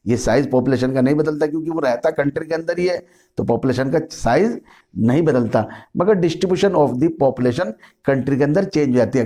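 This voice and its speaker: A man teaching a school geography lesson, reading definitions slowly in English and explaining them in Hindi, often asking and answering his own questions. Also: mid-range voice, mellow. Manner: repetitive, self-correcting, asks and answers his own questions. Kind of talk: classroom lecture mixing Hindi and English.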